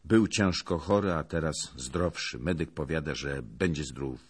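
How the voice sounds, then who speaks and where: A man voicing a calm, melancholy small knight in an audiobook, in his own low husky voice. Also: a little slow, full character voice. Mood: grave.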